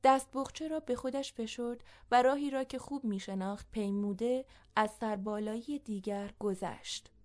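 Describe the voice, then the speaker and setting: Narrator: woman, slightly high voice, measured and even storytelling read.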